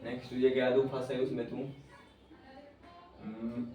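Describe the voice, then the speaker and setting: A man's voice: a little high, moderate pace. A man teaching chemistry at a whiteboard in a casual, teasing way, talking straight to his student. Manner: chatty, teasing, addresses student as bhai. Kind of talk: informal whiteboard lecture. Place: classroom with whiteboard. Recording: very echoey room, mic far off, faint noise.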